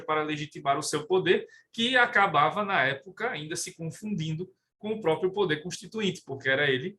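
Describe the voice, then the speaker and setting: A man with a Brazilian Portuguese accent giving a recorded law lecture to his class, explaining steadily and often tagging sentences with a questioning "né?". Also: on the high side. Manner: steady explaining tone with frequent "né?" tags. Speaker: law professor.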